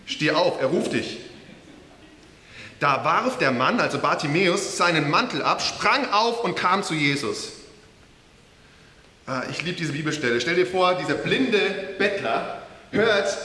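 A man preaching a sermon, telling the story in a lively, casual way and talking directly to his listeners. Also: on the high side, a little slow. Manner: lively storytelling, addresses the audience, casual slang. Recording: echoey hall with faint hiss.

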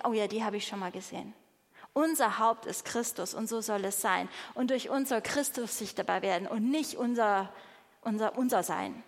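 A woman preaching a sermon with fervent emphasis and soft, hushed appeals, addressing a congregation in a church. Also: high-pitched. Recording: reverberant hall.

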